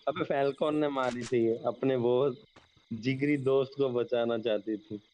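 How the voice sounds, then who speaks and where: A man joining a friend's game stream by voice chat, bantering loudly and teasing. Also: mid-range voice, steady tone, unhurried, dry recording, low-quality recording. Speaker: teammate. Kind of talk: casual game chat on voice call.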